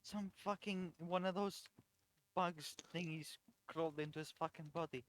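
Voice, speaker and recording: A man's voice: fairly high pitch, fairly even intonation, moderate pace, a bit bright, a little hiss or hum. A man playing a tabletop game, blunt and swearing a lot. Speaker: player. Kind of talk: casual tabletop play.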